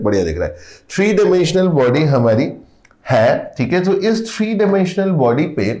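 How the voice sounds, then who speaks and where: Male lecturer, speech, slightly high voice, patient explaining style, echoey room. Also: darkish tone. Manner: calls students "beta", keeps checking in with "theek hai". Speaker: engineering teacher.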